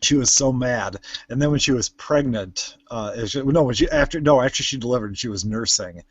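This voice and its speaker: A man's voice: medium pitch, fairly quick, no echo, dull audio. A man chatting casually as co-host of a live stream, rambling with lots of restarts and fillers, recorded on a home computer mic. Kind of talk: casual chat.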